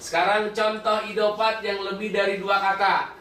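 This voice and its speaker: A man teaching Arabic grammar to a class in a relaxed, questioning way, now and then slowly chanting verses. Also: sits high, slight background noise. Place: meeting room. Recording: echoey room, far from the mic.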